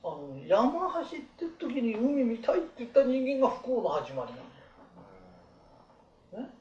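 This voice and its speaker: A man giving life advice to a small group in blunt, rough, colloquial talk. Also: very high-pitched, very animated, normal speed, a little mellow, roomy sound, lo-fi sound, slight background noise.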